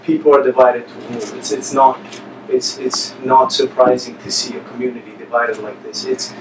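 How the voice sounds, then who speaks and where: Measured man from Iran, distant. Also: medium pitch, flat delivery. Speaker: audience member. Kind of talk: comment at a Q&A. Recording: echoey hall from far off, noisy.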